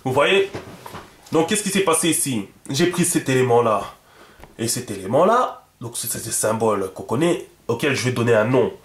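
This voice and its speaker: A man's voice: mid-range voice, expressive, normal speed, echoey room. A man giving a casual spoken lesson, thinking aloud with many fillers and repeated words, often checking that his listeners follow. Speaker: teacher.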